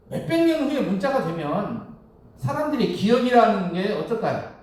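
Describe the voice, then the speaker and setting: A man giving a Sunday sermon as a Won Buddhist minister, speaking conversationally, asking the congregation questions and chuckling often. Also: high-pitched. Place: temple hall. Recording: very echoey hall, distant mic.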